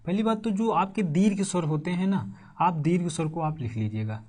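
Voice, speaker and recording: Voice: medium pitch, a little mellow. Exam-prep teacher, repetitive drilling delivery with rhetorical check-up questions. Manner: drills key phrases word by word, repeating them slowly; keeps asking the class rhetorical check-up questions. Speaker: Hindi teacher for exam preparation. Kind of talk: online exam-prep lesson.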